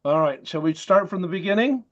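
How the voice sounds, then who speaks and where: A man's voice: sits high, animated, fairly quick, fairly bright tone, lo-fi sound. A man giving public comment over a video call, his voice echoing back on the line as he keeps checking that he is heard. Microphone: computer or headset on a video call.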